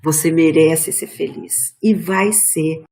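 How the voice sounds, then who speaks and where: A woman's voice: low voice, steady tone, slow pace, vocal fry, dark tone. A middle-aged woman giving relationship advice straight to her viewers, coaching them and acting out example phrases. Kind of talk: direct-to-camera advice talk.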